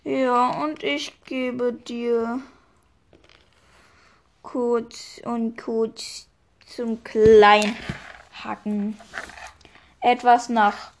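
A woman's voice: on the high side, flat delivery, extremely slow, long pauses. A woman calling out moves in a casual board game, hesitant and humming while she thinks. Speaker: player recording a board game.

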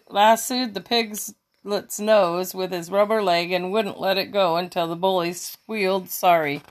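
A woman reading a children's picture book aloud, slow and expressive, now and then fixing a slipped word. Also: medium pitch. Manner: slow, expressive storytelling with small self-corrections. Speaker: children's story reader.

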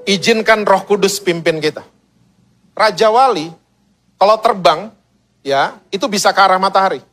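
A man's voice: high-pitched, normal speed, fairly bright tone. A male pastor preaching a sermon as humorous, slangy storytelling.

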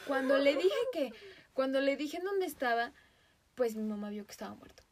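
Animated Mexican woman telling a story. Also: high voice, moderate pace. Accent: Mexican Spanish. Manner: animated, laughs through the telling. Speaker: podcast host. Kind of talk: casual storytelling.

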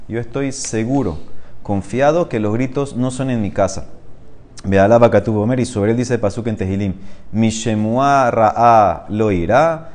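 A man with a lowish, darkish voice leads a Talmud study class, reading each Aramaic phrase slowly and then explaining it in Spanish. He keeps asking his listener questions as he teaches.

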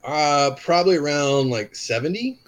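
A man co-hosting a podcast in casual chat, cracking dry deadpan jokes. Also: on the high side, moderate pace, poor audio. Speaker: podcast co-host.

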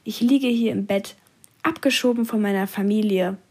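A woman's voice: mid-range voice, normal speed, darkish tone, natural voice. A woman voicing a bitter, sulky old man lying in a care-home bed.

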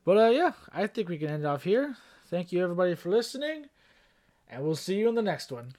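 A man co-hosting a casual podcast, swearing freely and breaking into laughter and loud outbursts. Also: high voice, big pitch swings, quick pace. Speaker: podcast co-host.

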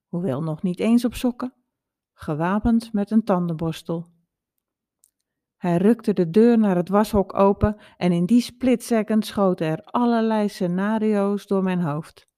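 A woman in her fifties reading aloud a personal story in a calm, wry storytelling manner. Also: fairly low pitch. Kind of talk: read-aloud personal narrative.

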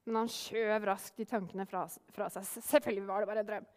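A woman telling a folk story aloud, lively, acting out the characters' lines herself. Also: medium pitch, clean tone, long reverb tail. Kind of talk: oral storytelling.

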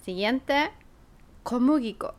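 A woman co-hosting a casual podcast, speaking in a measured way with soft agreeing murmurs. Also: a little high, expressive. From Chile. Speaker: podcast co-host. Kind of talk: casual chat.

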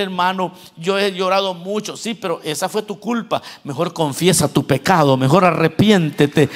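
Alternating loud exhortation with quiet, joking asides to the congregation, a male pastor delivers a sermon in a high-pitched voice.

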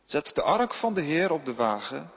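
Man, husky tone, lively pitch, reads scripture in a muffled echoey hall. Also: moderate pace. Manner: steady reading with occasional slips and self-corrections. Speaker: scripture reader. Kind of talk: reading a Bible passage aloud.

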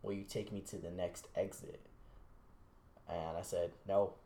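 A young man with a lowish voice tells a rambling late-night story in a casual podcast chat. He swears freely and drops into a quieter mumble whenever he quotes someone. His voice carries noticeable echo from the room. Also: measured pace, slight background noise. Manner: relaxed, swearing, acts out quotes in a low mumble. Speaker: podcast host. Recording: echoey room.

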